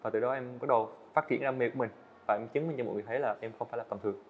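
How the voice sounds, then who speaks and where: A young adult man's mid-range voice comes through phone-quality audio with a touch of hiss or hum. A student animator interviewed on an indoor studio set, he answers casually, quickly and earnestly, frequently restarting phrases.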